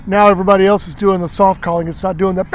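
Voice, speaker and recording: Brief: high-pitched male host, animated rambling storyteller, outdoors. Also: very fast. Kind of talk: casual storytelling chat. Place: outdoors at a marina.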